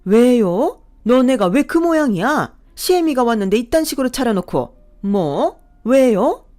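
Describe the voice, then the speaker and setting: A woman's voice: fairly high pitch, animated, normal speed, voice pushed up, close to an everyday voice. A woman voicing a bossy, easily enraged mother-in-law who scolds and sneers. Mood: shrill fury.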